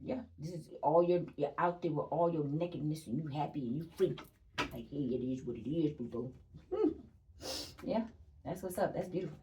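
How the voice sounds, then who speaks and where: This is a young woman talking through a spiritual energy reading in a chatty, emphatic way, repeating herself for stress and swearing freely. Her voice sits slightly low with a mellow, dark tone. She is heard a little away from the microphone. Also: moderate pace, distant mic, slight background noise. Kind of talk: casual tarot-style energy reading.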